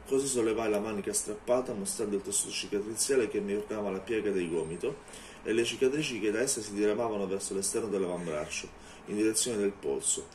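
Low-voiced man narrating an audiobook. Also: fast talker, darkish tone, a little hiss or hum.

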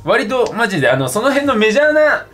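A man's voice: extremely high pitch, sing-song, fast. A tipsy young man chatting casually and rambling in slangy speech as he livestreams a game over drinks. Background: game music.

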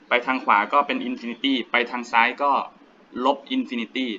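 A man's voice: medium pitch, bright, forceful tone. A Thai man teaching a casual math lesson, repeating key points and thinking aloud as he writes. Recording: slightly dull lo-fi recording with faint ambient noise.

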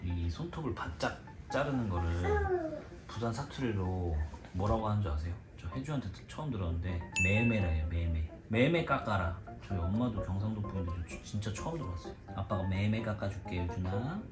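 A man's voice: lowish voice, very animated, fairly quick. A young man vlogging at home as the father of a baby, talking playfully and teasing the child. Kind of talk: casual vlog narration. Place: home indoors. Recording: roomy, with loud music behind.

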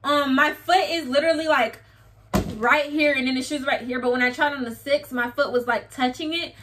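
Young woman, high bright voice, chatty haul vlogger acting out her stories, recorded a little off-mic. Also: moderate pace, far from the mic, background noise. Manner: animated storytelling, acts out dialogue. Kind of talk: casual haul vlog chat.

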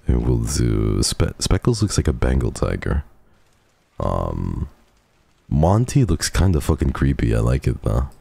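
A man giving casual, excitable commentary while playing a game, gushing over it and swearing a lot. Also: a bass voice, a little slow, vocal fry, slightly rough, dry recording. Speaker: streamer.

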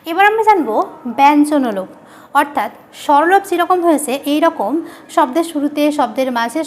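A woman teaching a grammar lesson, repeating key terms slowly and asking questions she answers herself. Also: high voice.

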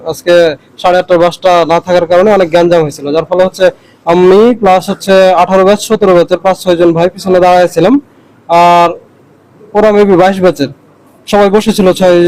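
A man's voice: high-pitched, darkish tone, poor audio. A young man, a university student, giving an earnest first-person account with frequent restarts. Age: young adult. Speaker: university student recounting an attack.

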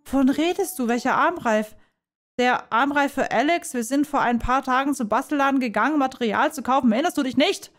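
Woman voicing a loud cheerful girlfriend. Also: high voice, a little fast, faint music behind, natural voice. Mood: cheerful concerned.

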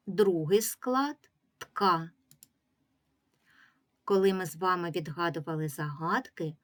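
A woman teacher giving a reading lesson to young children, patiently sounding out words syllable by syllable. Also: fairly low pitch. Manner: slow, patient, drawing out syllables. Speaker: primary school teacher.

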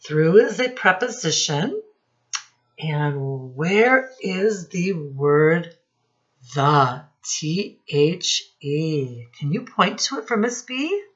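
A middle-aged woman, a children's storytime teacher, reads a picture book aloud as a lesson for young kids, speaking very unhurriedly in a deep voice with big pitch swings. She instructs, asks the children questions, and draws out key words for emphasis. The lo-fi home webcam recording from a small room sounds dull and slightly muffled.

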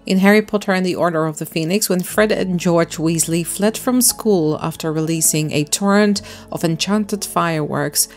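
A woman with a somewhat low voice narrates her own crafting vlog in a relaxed, chatty way, walking through each step of a miniature build. Soft music plays faintly underneath. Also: normal speed, few pauses. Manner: friendly, chatty, explaining step by step. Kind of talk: casual voice-over narration.

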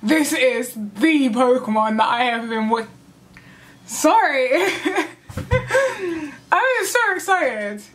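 High, lively, excitable woman vlogger. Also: slow, long pauses, a little hiss or hum. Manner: excitable, gushing, squeals and gasps. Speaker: gaming vlogger. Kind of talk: live trailer reaction.

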